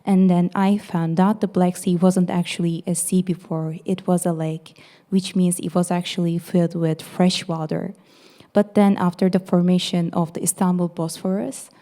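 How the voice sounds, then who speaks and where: A young woman with a Turkish accent explains her project to an audience in a low, mellow voice. She talks earnestly and leans on "actually" as she walks through each step. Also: level tone, normal speed. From Turkey. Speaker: master's student presenter. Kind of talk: casual presentation.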